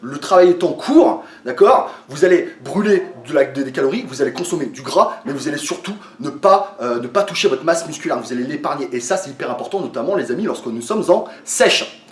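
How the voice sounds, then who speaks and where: Recorded from afar in a room with echo, a fitness coach walks his viewers through a training method in a casual way, calling them friends. His voice is slightly high and brisk with lively intonation, and he comes across as a bit tired, hesitating often with many fillers and restarts.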